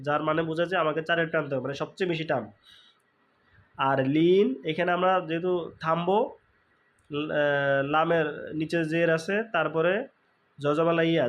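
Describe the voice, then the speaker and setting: A man's voice: fairly high pitch, a bit bright, muffled recording. A man teaching Quran recitation, patiently repeating each sound for practice. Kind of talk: recitation lesson.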